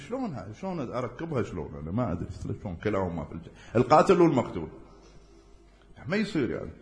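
A man preaching a religious sermon, emphatic and declaiming loudly at his peaks. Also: medium pitch. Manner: emphatic, rising to loud declamation when quoting.

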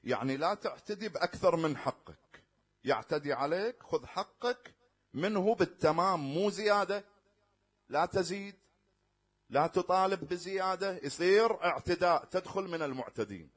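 A man with a slightly high, husky voice delivers a sermon in everyday speech. He punches key words loudly and then drops to low, hushed asides. He stretches out scripture in a slow, measured cadence and often turns to ask his listeners whether they follow. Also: lively intonation. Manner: emphatic, swinging between loud rising stresses and quiet low asides; slow drawn-out recitation of scripture. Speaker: preacher. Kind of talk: colloquial religious sermon.

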